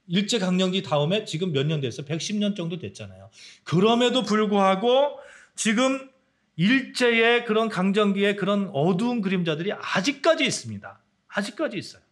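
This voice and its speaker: A man preaching a sermon as pastor, swinging between loud raised phrases and quiet low ones, calling the congregation to read along. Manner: dramatic swings in pitch and volume, leads congregation in reading. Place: church sanctuary.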